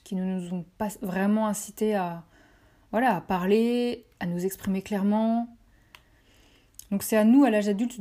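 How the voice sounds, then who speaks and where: A French woman hosts a motivational podcast with a mellow, warm tone. She talks straight to her listeners, encouraging them and repeating key phrases for weight. Her pitch sits in an ordinary middle range. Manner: addresses listeners directly. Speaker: podcast host.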